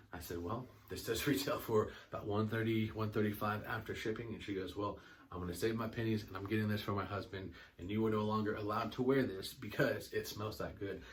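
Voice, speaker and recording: A man's voice: lowish voice, distant mic, a little hiss or hum. A young man chatting casually and enthusiastically while reviewing a fragrance, with lots of ums and restarts.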